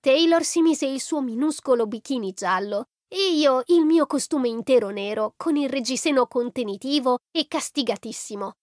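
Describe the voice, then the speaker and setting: A woman reading a first-person story as an audiobook narrator in an even storytelling delivery. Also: high voice, moderate pace, few pauses, no room sound, studio quality.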